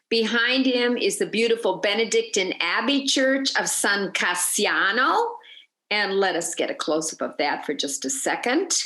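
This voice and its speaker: Heard in a reverberant space, a tour guide with a mid-range voice narrates a virtual tour. Her storytelling is energetic, and she performs the voices of those she quotes.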